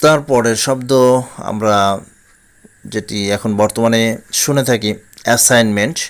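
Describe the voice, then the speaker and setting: A man's voice: medium pitch, unhurried. A man with a Bengali accent teaching English pronunciation, saying each word several times and then giving its meaning. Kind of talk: slow, repetitive pronunciation lesson.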